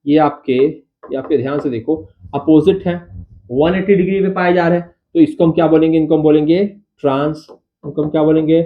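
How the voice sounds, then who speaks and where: Higher-voiced male chemistry teacher, lo-fi. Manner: addresses students as "bachcha" and "babu", asks and answers own questions; counts carbons slowly while writing. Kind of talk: Hindi-English lecture. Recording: dull lo-fi sound with faint noise.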